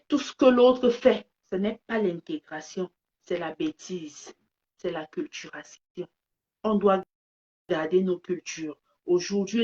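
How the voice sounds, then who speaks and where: A woman's voice: medium pitch, darkish tone, dull audio. A woman from Cameroon with a Cameroonian French accent, speaking emphatically and repeating her key phrases. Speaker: vlogger giving opinions. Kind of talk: passionate monologue to camera.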